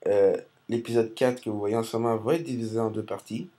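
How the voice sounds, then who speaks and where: Low-voiced Québécois gaming commentator, rambling. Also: male voice, fairly even intonation, fairly quick, mellow. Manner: rambling, hesitant. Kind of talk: recorded gameplay commentary.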